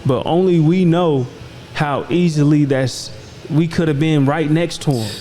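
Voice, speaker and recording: Laid-back young man hosting, mellow voice. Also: fairly high pitch, unhurried, slight background noise, low-quality recording. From Des Moines, Iowa. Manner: laid-back, slang-heavy, frequent "you know what I'm saying". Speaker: podcast host. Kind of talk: casual conversation.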